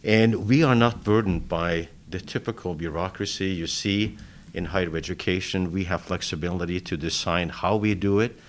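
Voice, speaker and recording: A man with a very deep voice answers interview questions. He explains things in a steady, measured way. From Norway. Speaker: college vice president, interview guest.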